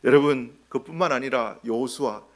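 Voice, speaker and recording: A man preaching as a pastor, emphatic, asking his congregation rhetorical questions and acting out short quoted lines. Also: normal speed. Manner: acts out short quoted lines with swings in pitch and loudness. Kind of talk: sermon.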